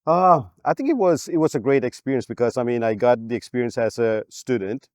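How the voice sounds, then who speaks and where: A man answering interview questions in a measured, explanatory way about working at his old school. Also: medium pitch, darkish tone, no room sound, studio quality. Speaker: alumnus guest.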